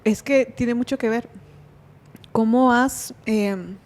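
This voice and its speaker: Woman hosting a podcast, jokey and laughy, on the high side. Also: takes it slowly, a little mellow. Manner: teasing, laughs easily. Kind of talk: casual podcast conversation.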